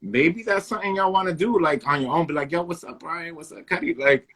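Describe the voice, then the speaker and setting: A man's voice: on the high side, fairly quick, fairly bright tone. A man hosting a casual interview, playful and slangy with a hyped manner. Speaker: interviewer host.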